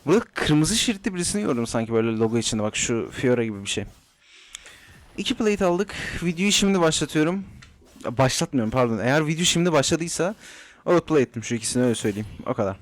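A man's voice: mid-range voice, expressive, fast, no echo. Young male gamer, casual running commentary, self-talk and teasing, home desk mic. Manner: chatty, talks to himself, teasing opponents. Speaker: gaming YouTuber. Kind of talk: live gameplay commentary.

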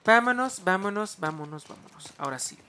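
Hushed Mexican man playing a stealth game. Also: high voice, expressive, a little fast, slight background noise. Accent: Mexican Spanish. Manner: hushed, coaching himself through stealth, sudden loud outbursts. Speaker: gaming streamer. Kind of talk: let's-play commentary.

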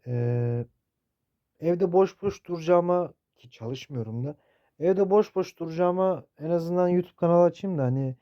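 A young man in his late teens narrates his own mobile matches in a loose, profane way, swinging between muttering and sudden frustrated outbursts. His voice sits a little high but sounds mellow and soft-edged. The mic is dull and lo-fi. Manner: profane, excitable outbursts while playing. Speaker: mobile gaming youtuber. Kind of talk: gameplay commentary.

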